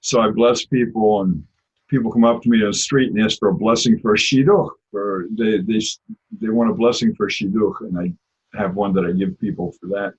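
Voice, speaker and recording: A man's voice: lowish voice, moderate pace, husky. A man teaching an informal religious class, talking in a conversational way and telling personal stories. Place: lives in Israel. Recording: dull lo-fi recording.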